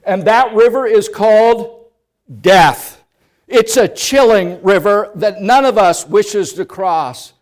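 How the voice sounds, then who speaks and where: A male pastor with a high-pitched voice preaches at a slow pace, telling a story in the second person. Quiet, hushed moments swell into loud ones.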